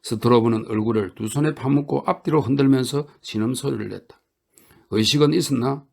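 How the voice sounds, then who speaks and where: Gravelly male audiobook narrator. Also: medium pitch, quick pace. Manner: calm, steady reading.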